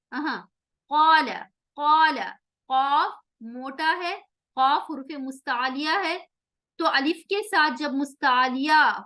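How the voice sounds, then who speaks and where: A woman teaches recitation rules in a slow, patient way. She repeats each rule and sounds out example words over and over. Her voice is high and bright. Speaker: tajweed teacher. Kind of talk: explanatory lesson with recited examples.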